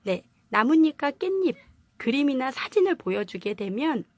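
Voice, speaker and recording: A woman's voice: on the high side, dry recording. A woman teaching language pronunciation in a video lesson, explaining patiently and asking her viewers rhetorical questions.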